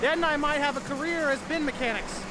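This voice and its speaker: A farmer hosting his own vlog, explaining things in a clear, methodical way with dry little asides. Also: very high-pitched, quick pace, noisy background.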